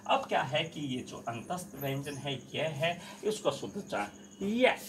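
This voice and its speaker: A man teaching Hindi grammar in a lesson, repeating a filler phrase often and loudly demonstrating sounds. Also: a little high, very animated, moderate pace, noisy background. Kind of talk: classroom-style lesson.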